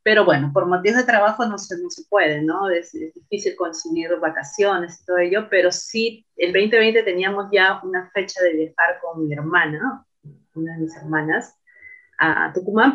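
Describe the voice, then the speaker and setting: A cultural manager, guesting on a radio interview, speaks in a lowish, fairly bright voice. Her talk is casual and reflective, packed with fillers and tag questions, and the radio audio comes through dull and lo-fi.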